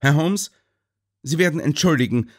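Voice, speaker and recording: A man voicing an angry, indignant young gentleman who shouts in a broad country dialect. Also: fairly high pitch, expressive, normal speed, pitched above the performer's own voice. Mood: furious.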